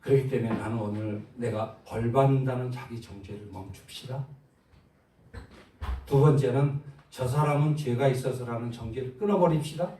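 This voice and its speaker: A male pastor preaching a sermon, asking the congregation questions and answering them, moving between loud exhortation and soft low asides. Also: normal speed, slight background noise. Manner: call-and-response preaching, asks the congregation questions. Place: large church sanctuary. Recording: roomy echo, far from the mic.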